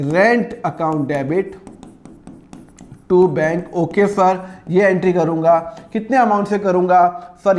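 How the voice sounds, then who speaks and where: A man teaching accounting in a lesson. He asks students' questions himself and answers them, and he draws out the entry names slowly. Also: sits high, a little mellow, echoey room. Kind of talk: classroom-style lesson with self-posed student questions.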